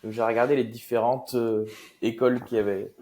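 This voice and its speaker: A man's voice: mid-range voice, level tone, fairly quick, a little mellow. A young man from Marseille, speaking as an investor guest in a casual interview, loose and hesitant with many fillers. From Marseille, France.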